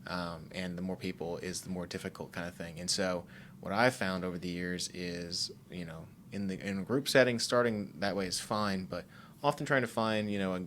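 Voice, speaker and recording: Deep-voiced man chatting thoughtfully. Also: steady tone, normal speed, few pauses, fairly bright tone, slight background noise. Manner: rambling, thoughtful, many fillers. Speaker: podcast co-host. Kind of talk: casual conversational podcast.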